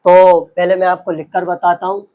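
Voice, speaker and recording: A man's voice: high-pitched, completely flat delivery, normal speed, warm tone. A man teaching a patient lesson, sounding out letters one by one and explaining with rhetorical questions. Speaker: Urdu teacher. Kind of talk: slow, patient classroom lesson.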